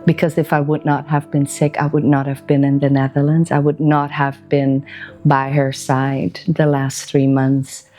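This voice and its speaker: A Belgian wellbeing practitioner in her forties narrates a reflective documentary voice-over, speaking slowly and gently with pauses between thoughts. Her voice is low-pitched with a flat delivery, and music plays underneath.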